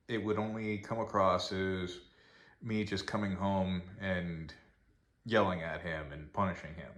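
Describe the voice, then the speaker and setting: A man's voice: low voice, fairly bright tone. A man casually explaining to the camera how to handle a dog that misbehaved, rambling with restarts. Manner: baby talk to his dogs. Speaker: dog owner vlogger.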